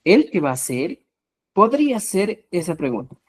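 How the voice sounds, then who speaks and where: A woman teaching a live online language class, explaining slowly and repeating herself, with a constant "¿ya?" to check her students follow. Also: fairly low pitch, very animated, slightly rough. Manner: slow, repetitive explanations with rising emphasis.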